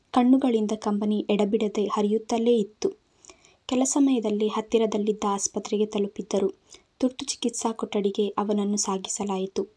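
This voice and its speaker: Woman narrator, scripted storybook reading, mellow tone. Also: mid-range voice.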